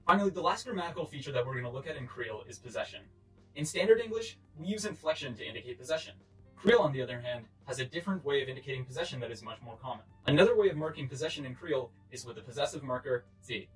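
Young male presenter, twenties, for scripted explainer. Quick delivery, formal tone, light music underneath. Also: medium pitch, lively intonation, poor audio. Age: 20s. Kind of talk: scripted educational narration.

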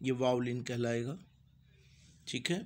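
A man teaching Quran reading, spelling out each syllable slowly with drawn-out vowels. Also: medium pitch, a little mellow. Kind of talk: slow spelled-out recitation lesson.

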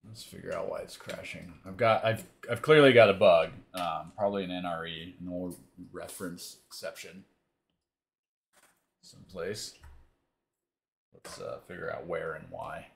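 Gravelly low-voiced man coding live. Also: steady tone, a little slow. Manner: thinks aloud while debugging, mutters to himself; reads and answers viewer chat. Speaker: developer hosting a live coding stream. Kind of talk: casual live coding stream talk.

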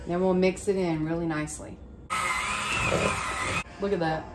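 A woman's voice: lowish voice, fairly even intonation, measured pace. A woman, chatting informally and folksily through a home cook-along. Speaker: home cooking vlogger. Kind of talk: casual cook-along narration. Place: home kitchen, indoors. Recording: clear sizzling and kitchen noise. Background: frying sizzle, kitchen noise.

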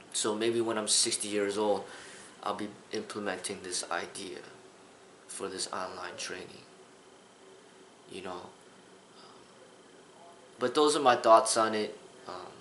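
A man's voice: fairly low pitch, fairly bright tone, a little hiss or hum. Earnest man in his thirties, roomy sound. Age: 30s. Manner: earnest, rambling, with restarts and fillers. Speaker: kung fu instructor. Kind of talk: casual talking-head vlog. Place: small indoor room with a sofa.

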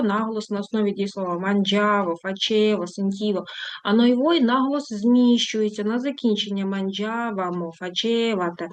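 A woman's voice: on the high side, darkish tone, no echo. A woman teaching an online language lesson, reading conjugations and examples aloud and explaining them with small fillers as she scrolls through her material. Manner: reads examples and conjugations aloud, switching between Ukrainian and Italian. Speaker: Italian teacher.

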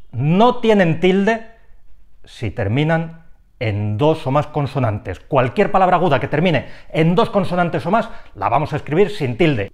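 A man explaining grammar rules in a clear, methodical way, calling out numbered headings. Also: a little high. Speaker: language teacher.

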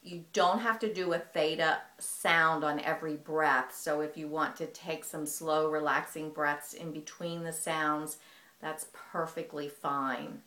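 A woman teaching a breathing technique in a calm, explanatory way. Her voice sits low, and the room around her gives it a noticeable echo. She speaks like an instructor guiding a demonstration. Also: a little slow. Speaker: movement teacher. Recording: echoey room.

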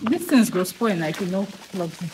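Excited young Nigerian woman vlogging. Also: lowish voice, normal speed, slight background noise. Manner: excited, repeating herself, showing off fruit to camera. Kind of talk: casual vlog narration. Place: outdoor yard picking guava.

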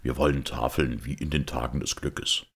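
A man's voice: fairly even intonation, a bit bright, full character voice. A man voicing a proud, brooding middle-aged outlawed knight in an audiobook, with solemn, weighty speech. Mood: jovial. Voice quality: deep gravelly rasp. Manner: solemn, weighty, slow delivery. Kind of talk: audiobook character voice.

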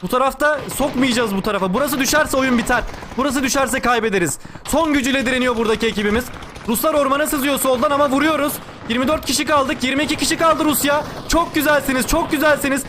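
High, bright-voiced male esports commentator. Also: slight background noise. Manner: excited, repeats calls, cheers on his team. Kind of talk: live game play-by-play commentary.

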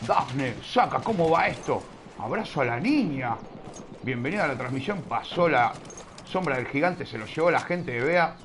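A man's voice: mid-range voice, animated, moderate pace, noisy background. A man with a Rioplatense Spanish accent casting a live online shooter tournament, chatty and teasing, scolding his chat with playful slang. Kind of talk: live game commentary.

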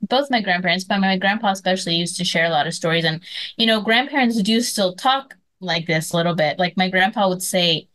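A woman chatting on a podcast, upbeat, quick to laugh. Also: lowish voice, fairly bright tone. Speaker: podcast guest. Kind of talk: casual chat.

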